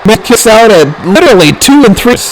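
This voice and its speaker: A man calling pro wrestling play-by-play in an excited, dramatic way, full of exclamations and rhetorical questions. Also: high voice, a little fast, slight background noise, low-quality recording.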